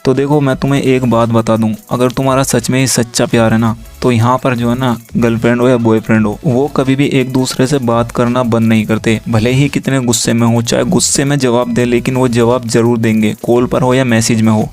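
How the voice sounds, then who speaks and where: A young man casually explaining relationship advice to viewers, reading chat messages aloud in a steady, even tone. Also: medium pitch, fairly quick, hardly any pauses, faint music behind. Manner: reads chat lines aloud in a flat steady tone, addresses viewers directly.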